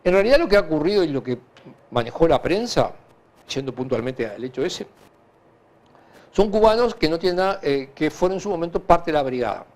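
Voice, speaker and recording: A man with a Uruguayan Spanish accent answering conversationally in an interview, halting and repeating himself as he recounts anecdotes. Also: fairly high pitch. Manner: animated, halting and repetitive, with frequent filler tags. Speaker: interview guest, hospital director.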